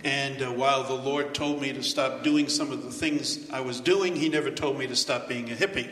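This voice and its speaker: An older American man preaching with jokes, pausing for an interpreter in a church. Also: medium pitch, fairly even intonation, fairly bright tone. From United States. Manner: joking, pausing for translation. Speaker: visiting preacher. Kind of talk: sermon with live interpreter. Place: large church hall. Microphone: handheld or headset mic, walking about. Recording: echoey church hall, faint ambience.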